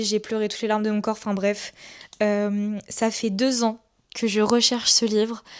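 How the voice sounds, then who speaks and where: A young woman book vlogger talking casually at her desk at home, enthusiastic and chatty with many fillers. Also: mid-range voice. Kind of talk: casual vlog chat.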